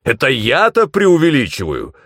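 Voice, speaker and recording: A man's voice: fairly low pitch, expressive, moderate pace, no room sound, clean studio sound, close to an everyday voice. Man voicing a blustering scaly demon mentor. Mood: indignant. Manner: blustering, explosive outbursts. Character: grumpy scaly green male demon mentor. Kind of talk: audiobook character reading.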